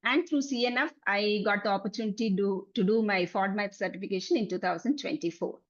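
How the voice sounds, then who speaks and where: A woman's voice: medium pitch, brisk, highs cut off. A woman in her forties from Kerala with a Malayali accent, giving a personal presentation about her working life as a dietitian. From Kerala, India. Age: 40s. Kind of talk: personal presentation recounting a career journey.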